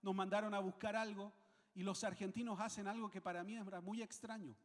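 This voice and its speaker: A man's voice: high-pitched, level tone, fairly quick, long reverb tail. A man from Chile, speaking with a Chilean accent, preaching a sermon as pastor, emphatic and repeating phrases for weight. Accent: Chilean Spanish.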